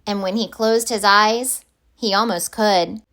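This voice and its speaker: Speaking at a medium pitch, a female storyteller reads from a children's picture book with careful, expressive phrasing.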